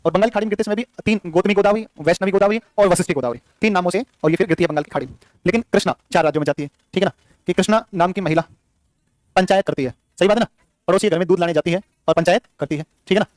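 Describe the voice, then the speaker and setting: A quick, high-pitched man lecturing a room of students, drilling them with rapid questions and repeated answers. His voice sits close and dry, with almost no room sound. He teases and scolds the class in a joking way. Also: no room sound. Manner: jokey, scolds the class playfully. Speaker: geography teacher.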